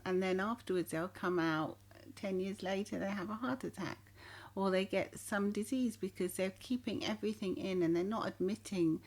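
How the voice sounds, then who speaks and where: A woman's voice: on the low side, darkish tone. A woman co-hosting a podcast, talking in a casual, chatty way with frequent laughs and acted-out quotes. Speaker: podcast co-host. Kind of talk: casual chat.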